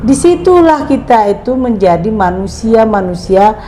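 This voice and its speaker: A middle-aged woman from Indonesia talks as an interview guest. She presses her points emphatically and keeps throwing out rhetorical questions. Her voice sits a little high, over a faint hiss in the background. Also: big pitch swings, normal speed, warm tone. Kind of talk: conversational interview.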